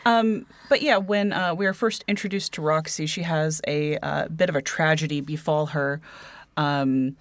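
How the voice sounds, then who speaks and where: A woman's voice: low-pitched, steady tone, normal speed, dry recording. A woman co-hosting a casual book podcast, talking hesitantly with lots of fillers and restarts. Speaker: podcast co-host.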